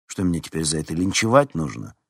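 A man's voice: very deep voice, sing-song, brisk, creaky, slightly rough, dry recording, studio quality, exaggerated voice. A man doing a grumbling teenage boy. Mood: aggrieved. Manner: aggrieved, grumbling.

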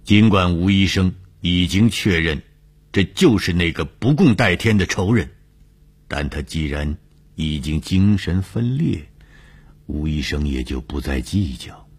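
A male storyteller with a very deep voice and husky texture tells a broadcast story. His delivery is measured and dramatic. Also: lively intonation.

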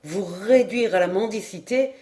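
A woman reading an audiobook, voicing an earnest, deeply moved young doctor in a lowered, soft-spoken voice. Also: moderate pace, natural voice.

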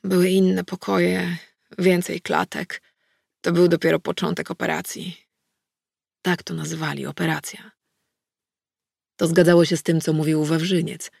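Gravelly, husky woman narrating a novel. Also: on the low side, flat delivery, measured pace, pauses often, darkish tone, dry recording, studio quality. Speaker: audiobook narrator. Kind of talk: first-person novel narration.

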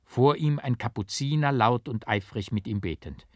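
A male narrator reads a gothic tale with practiced stresses and rhythm, in a middle pitch. The sound is dry and close, as in a studio. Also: normal speed, no room sound. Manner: expressive, strongly rhythmic and emphatic. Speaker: audiobook reader. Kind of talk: dramatic literary reading. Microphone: close studio mic, dry.

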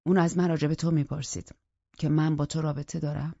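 Woman narrator doing a bitter, menacing husband; husky, low-pitched, storybook thriller. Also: little pitch movement, dark tone, no room sound, lo-fi sound, heavily acted. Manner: harsh, accusing, bitter. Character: angry menacing grieving husband, man.

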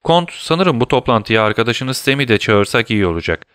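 Sherlock Holmes, alaycı ve soğukkanlı dedektif bir erkeğin sesiyle. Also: male voice, mid-range voice, moderate pace, clean tone, no echo, studio quality. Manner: calm, teasing, commanding. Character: cool, mocking male detective, middle-aged. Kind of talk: audiobook character voice.

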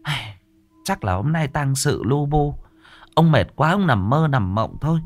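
A man's voice: medium pitch, animated, a little slow, soft background music, voice pushed up. A man voicing a scolding middle-aged village wife who brushes off her husband's fears. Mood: dismissive. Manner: sharp, nagging, brushing things off. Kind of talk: horror story narration.

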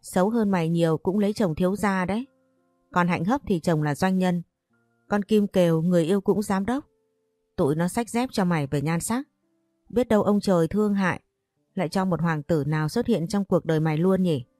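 A woman's voice: fairly low pitch, a little fast, mellow, no echo, soft background music, lightly acted. A woman voicing a brash, talkative young woman friend who teases and scolds bluntly in an audio story. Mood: teasing.

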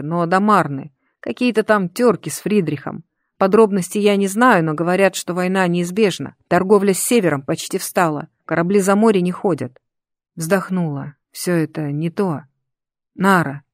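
Expressive audiobook narrator, dry sound. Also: mid-range voice, dry recording. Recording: dry close recording.

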